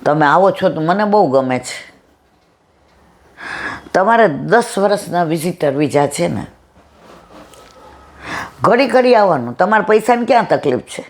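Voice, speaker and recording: A mid-pitched speaker delivers a devotional talk built on folk stories. The voice jumps up and down to play the people in each tale. It stretches out each moral in a slow, weighty drawl. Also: lively intonation.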